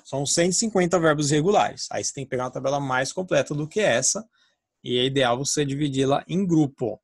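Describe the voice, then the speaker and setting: A man's voice: fairly high pitch, fast, husky, no echo, clean studio sound. A man with a Brazilian Portuguese accent teaching an English grammar lesson, explaining and repeating verb forms aloud.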